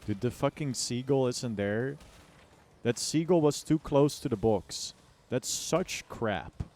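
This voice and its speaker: Taking it slowly, a man from the United States with a mid-range, darkish voice chats casually while streaming a game. He jokes using slang and exaggerates his complaints for comic effect, with music playing behind him.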